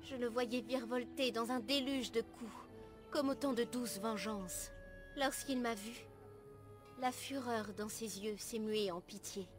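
A woman playing an earnest, gentle young elf apprentice in a video game, speaking formally and in measured, literary phrases. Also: fairly high pitch, close to an everyday voice. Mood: grave, reflective. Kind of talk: video game dialogue acting. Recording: music behind the voice.

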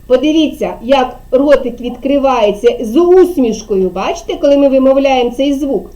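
Woman teaching little kids in kindergarten, high soft voice, slow and patient, stretches her words. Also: animated, poor audio. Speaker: preschool teacher. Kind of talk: teaching young children. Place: kindergarten classroom.

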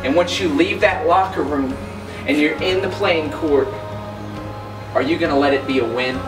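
A young man, a youth pastor, giving a short motivational talk to the camera, earnest and building to excited emphasis. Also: a little high, moderate pace. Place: school locker room and long hallway, indoors. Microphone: camera a few steps away, no mic seen. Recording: roomy, distant sound with music underneath.

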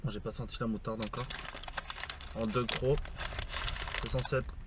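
A man reviewing fast food in a casual vlog, talking with his mouth full of burger and chewing between words. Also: mid-range voice, steady tone, very noisy. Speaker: food vlogger. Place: parked car.

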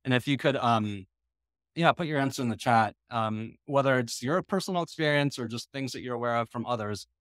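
A middle-aged man from the United States, speaking as a conference lecturer, leads discussion in an online talk from a small indoor room. His mid-range voice is a bit bright, and his careful, considered delivery includes ums and sentences he begins again. Picked up by a video call webcam, the sound is close and dry, with no echo.

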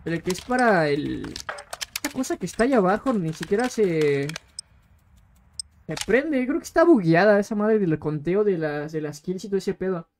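A man's voice: high-pitched, big pitch swings, normal speed, darkish tone, a little hiss or hum. A man chatting casually on a game live stream, rambling in slang and repeating words as he plays. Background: game music.

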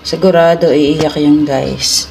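A woman filming a family vlog, gently coaxing and consoling her crying child at home. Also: deep voice, fairly even intonation, slow, gravelly, noisy background. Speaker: vlogger mother.

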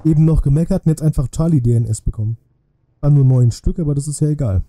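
A streamer with a fairly high, mellow voice talks fast as he casually commentates a game live for his viewers, thinking aloud in chatty asides. He's in an indoor room at his streaming setup, with no room sound, while game music plays faintly behind him.

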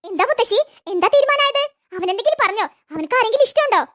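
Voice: very high voice, animated, very fast, fairly bright tone. A performer voicing a sweet, devoted young granddaughter in a cartoon. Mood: eager.

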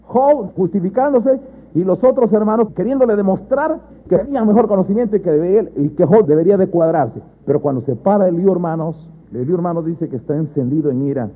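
Male preacher, high husky voice, sermon with surges of volume, tinny lo-fi sound. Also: brisk. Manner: swings from loud emphatic bursts to low quiet asides; keeps addressing the church as brothers. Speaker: pastor. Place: church. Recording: thin phone-like sound.

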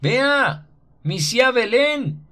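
Man playing a shaken shoemaker, hoarse, trembling, drawn-out high shouts, radio story. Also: big pitch swings, full character voice.

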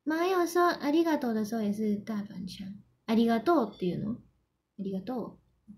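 A young woman from Yamanashi, Japan, chats casually on her idol livestream in Mandarin, a second language for her, switching into Japanese as she giggles and reads comments from viewers. She has a fairly high voice with a darkish tone and a moderate pace.

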